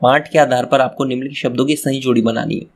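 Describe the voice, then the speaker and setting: A man's voice: mid-range voice, fairly even intonation, quick pace. A man teaching a class, going through textbook answers step by step, often speaking to the children directly and repeating himself. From Madhya Pradesh, India. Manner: repeats phrases, addresses children directly, restarts words. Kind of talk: exam answer walkthrough lesson.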